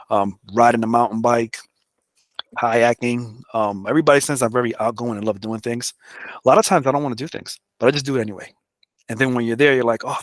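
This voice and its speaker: A man's voice: mid-range voice, no room sound. Candid conversational New man. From the Bronx, New York. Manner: candid, conversational, often adds "you know". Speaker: public works director, guest. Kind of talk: casual interview talk.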